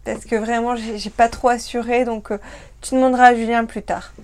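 A woman's voice: fairly high pitch, level tone, a little mellow. Tipsy, chatty woman. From France. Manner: chatty, laughing, speaks fast. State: tipsy from wine. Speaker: livestream co-host. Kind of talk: casual livestream chat.

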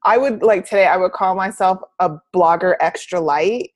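A woman hosting a casual podcast interview, relaxed and quick to laugh, with casual fillers. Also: fairly low pitch, no echo. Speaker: podcast host.

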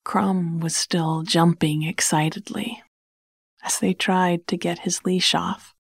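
A woman narrating a bedtime story in a soft, hushed, soothing whisper close to the mic. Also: fairly low pitch, fairly even intonation, takes it slowly, vocal fry, slightly rough, dry recording.

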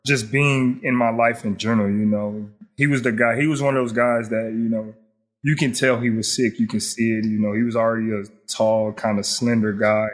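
A man's voice: on the low side, steady tone, brisk. A young man, an interview guest, recalls a personal loss in a reflective way, often saying "you know".

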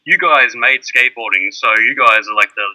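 A man's voice: medium pitch, fairly quick, bright, forceful tone, low-quality recording. An Australian man chatting casually, rambling through lists with plenty of fillers. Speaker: skateboarding teacher in Japan. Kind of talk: casual chat.

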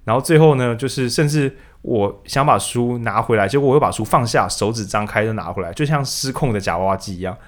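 Guy hosting a book podcast, talks fast, does little voices for quotes. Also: medium pitch. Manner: animated, acts out quotes in raised voices. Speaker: podcast co-host. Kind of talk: casual book discussion.

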